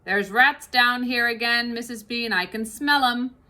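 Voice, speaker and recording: A woman's voice: on the high side, unhurried, bright, forceful tone. A woman voicing a big, eager, slightly dim female servant in a storybook reading.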